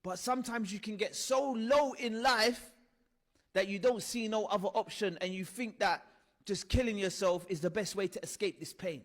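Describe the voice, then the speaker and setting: A man's voice: sits high, moderate pace, big-room sound. A man earnestly telling his life story, with vivid re-enactments. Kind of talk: personal testimony talk.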